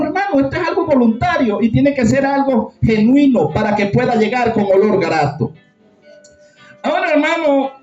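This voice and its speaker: A man's voice: extremely high pitch, darkish tone. A man preaching a sermon to his congregation, emphatic, with many rhetorical questions and frequent calls of "brother". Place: church hall. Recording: echoey room, distant mic, dull sound.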